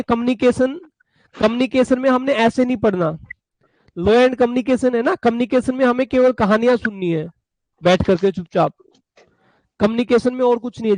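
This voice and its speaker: The man's voice is very high-pitched and a little mellow, with no echo. He leads a live online class explaining law through brief acted-out stories where he plays buyer and seller, speaking to students in a conversational, fatherly way.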